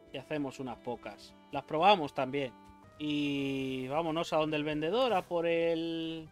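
Excitable, high-voiced gamer guy. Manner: excitable, swears a lot, yelps when attacked. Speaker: gaming YouTuber. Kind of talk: let's play commentary.

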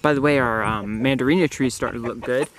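In his homestead garden among bushes and beehives, a young man with a medium-pitched voice talks fast through a casual vlog about his hives, rambling and repeatedly correcting himself. The outdoor camera audio, from a handheld or close-framed mic, is filled with the buzz of bees and insects.

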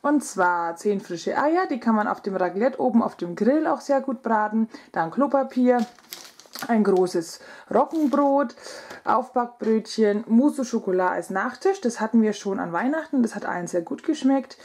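Higher-pitched chatty woman vlogger. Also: expressive, normal speed, darkish tone, slightly rough. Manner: chatty vlogger presenting items, addressing viewers directly. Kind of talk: casual grocery haul vlog narration. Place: indoors at home, kitchen.

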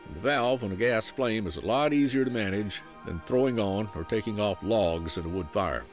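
A man with a Southern US accent narrating a documentary feature in a folksy, unhurried storytelling way. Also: fairly low pitch. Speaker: program host and narrator. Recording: voice-over with music underneath.

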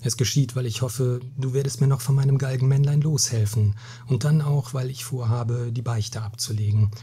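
A man voicing a weary, hot-tempered Spanish captain in a read-aloud story, solemn and weighty, with a very breathy, husky voice. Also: medium pitch, steady tone, normal speed, dark tone, lightly acted. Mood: scornful. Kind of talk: storybook reading.

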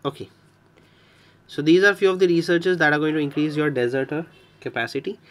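A man's voice: fairly high pitch, brisk. A man hosting a gaming channel, walking viewers through a strategy game guide with patient, repetitive explanations, addressing them as his dear friends. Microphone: voice-over on screen recording.

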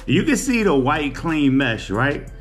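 A man's voice: fairly high pitch, very animated, a little slow, slightly rough, faint music behind. Laid-back man chatting to camera. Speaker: vlogger. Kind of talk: casual chat. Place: small indoor room. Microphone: camera on a table.

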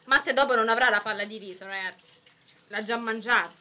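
A woman's voice: a little high, brisk, sharp tone. A young woman co-hosting a casual cooking live stream, playful and teasing, laughing often. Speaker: guest co-host.

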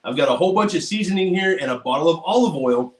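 A man's voice: a little high, animated, quick pace. A young man hosting a casual cooking livestream from his home kitchen, talking loosely with lots of fillers. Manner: chatty, loose, many fillers. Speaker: cooking show host.

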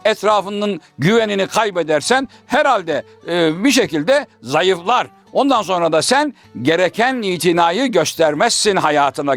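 A pompous, learned shadow-puppet gentleman who corrects and moralizes in proverbs. The voice is pitched high and swings animatedly as he lectures. Faint music runs behind. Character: learned, preachy male shadow-puppet scholar. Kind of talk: traditional shadow-puppet comedy dialogue.

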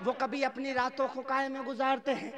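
Male preacher, very high and flat delivery, live crowd audible behind him. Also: brisk. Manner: swings from soft storytelling to loud chanted exclamation. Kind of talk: Urdu-Hindi religious speech. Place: stage at a gathering with crowd. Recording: crowd noise, live event sound.

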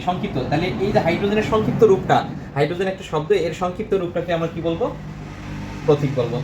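A man's voice: fairly high pitch, darkish tone. A man, teaching a chemistry lesson at a board and answering his own questions. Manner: repeats questions and answers them himself. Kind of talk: classroom lesson, explaining at a board. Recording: echoey room, faint background noise.

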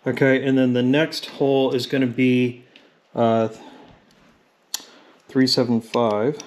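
A man talking through a mechanical repair in a home workshop, relaxed and halting with frequent fillers, recorded on a camera filming his hands. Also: medium pitch. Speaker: mechanic demonstrating engine rebuild. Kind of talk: casual workshop tutorial. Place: home workshop at a drill press.

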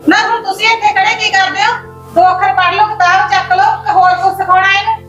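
A woman's voice: very high voice, fairly even intonation, quick pace, a bit bright, muffled recording, faint music behind. A woman playing a scolding village woman. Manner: scolding, brusque. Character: sharp-tongued village woman scolding a simple man.

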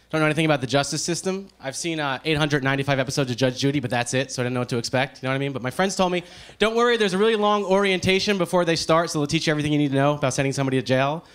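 Very fast-talking man doing stand-up. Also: a little high, a bit bright, clean tone. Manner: exasperated ranting, swearing. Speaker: stand-up comedian. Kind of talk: stand-up comedy set. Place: comedy club stage. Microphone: handheld microphone.

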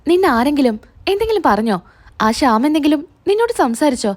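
A young husband from a soap story, gentle and reassuring toward his upset wife, read by a woman narrator in her own voice. The voice stays high and light. It is not made deeper. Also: sing-song, fast.

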